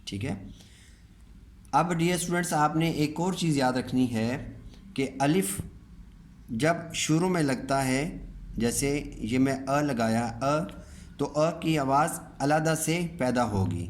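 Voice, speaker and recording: Patient man teaching, slow and repetitive. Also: a little high, lively intonation, slight background noise. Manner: patient, slow, repeats each word and checks understanding. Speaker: calligraphy and reading teacher. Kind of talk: step-by-step spoken lesson.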